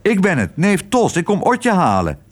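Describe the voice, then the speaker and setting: A man's voice: on the high side, wildly swooping pitch, moderate pace, husky, voice pushed up, full character voice. An anxious sailor father, urgent and agitated, his voice lifted well above an ordinary speaking level. A man puts him on while reading a storybook aloud. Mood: worried. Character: anxious, impatient adult male sailor father.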